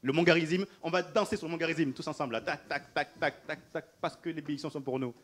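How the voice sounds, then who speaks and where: Animated male preacher, slightly high voice. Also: fast talker. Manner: animated, repetitive, often laughing mid-phrase. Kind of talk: sermon.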